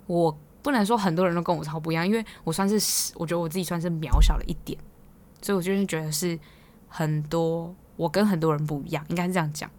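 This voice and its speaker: A young woman with a Taiwanese Mandarin accent hosts a podcast, chatting briskly through a casual monologue of stories. Her voice is a little low, steady and slightly mellow, and she teases freely and laughs easily.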